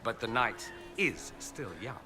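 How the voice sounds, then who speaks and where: A witty, theatrical young nobleman mage, a companion character in a fantasy role-playing game, speaks in a lively, swooping voice over background music. His mid-range delivery is slow, wry and teasing, arch and ironic.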